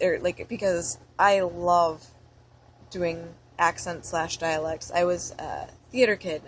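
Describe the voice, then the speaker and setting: A woman's voice: on the low side, a little hiss or hum, low-quality recording. A young American woman talking in a casual vlog, rambling and chatty as she reads through a word list. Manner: rambling and chatty, with many fillers. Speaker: vlogger.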